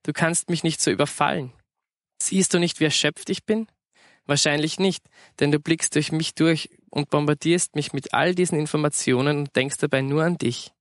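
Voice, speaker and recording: A man's voice: a little high, fairly even intonation, moderate pace, dry recording, close to an everyday voice. A man voicing a tired working mother who speaks dryly and wearily in a storybook reading. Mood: exasperated. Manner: dry, weary.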